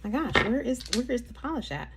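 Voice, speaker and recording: A woman's voice: fairly high pitch, sing-song, fairly quick, creaky, heavy background noise. A woman hosting a casual live stream about nail polish, chatting with viewers, reading their comments aloud and getting easily sidetracked. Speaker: livestream host showing nail polish.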